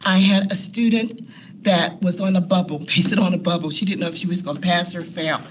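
A woman's voice: lowish voice, fairly even intonation, a little fast, noisy background. A woman, a nurse educator, telling personal stories on a panel, laughing often and acting out quotes. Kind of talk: personal storytelling. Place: meeting room, seated at a long table.

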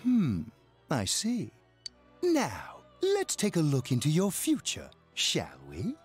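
A man's voice: fairly high pitch, huge pitch swings, takes it slowly, a little mellow, heavily acted. A man playing an eerie, amused old fortune teller in a video game, speaking theatrically and portentously. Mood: intrigued, ominous. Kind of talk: scripted video game dialogue. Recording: game audio over background music.

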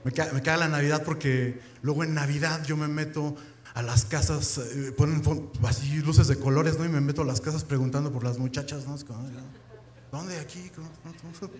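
Young Mexican male comic, crude deadpan delivery, slightly high voice, echoey room. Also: a little fast. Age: young adult. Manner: crude, deadpan storytelling with lots of slang. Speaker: stand-up comedian. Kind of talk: stand-up comedy set. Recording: echoey club with crowd noise.

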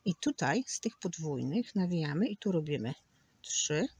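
A woman's voice: deep voice, sing-song, normal speed, a little mellow, husky, dry recording. A woman teaching a crochet tutorial, patiently counting stitches aloud and sometimes dropping to a near whisper. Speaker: crochet instructor.

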